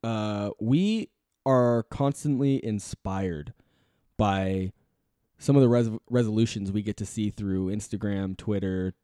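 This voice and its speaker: A man's voice: fairly low pitch, slow, dark tone, clean tone, no echo, clean studio sound. A young man co-hosting a casual podcast, joking around, laughing often and boasting in mock seriousness. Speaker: podcast co-host.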